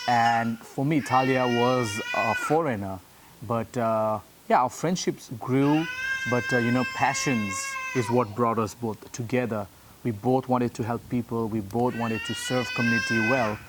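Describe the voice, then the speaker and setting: Man, halting, noisy recording. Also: mid-range voice. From Nepal. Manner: halting, uh fillers. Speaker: pastor trainer. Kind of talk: casual storytelling. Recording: noisy background.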